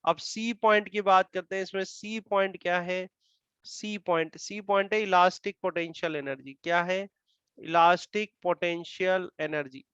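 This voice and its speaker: Indian guy teaching physics, high clear voice, dictates defs slowly, kinda muffled dry audio. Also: fairly even intonation, a bit bright, dry recording. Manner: explains slowly, repeating terms, dictates English definitions word by word. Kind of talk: classroom lecture. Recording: dull muffled dry sound.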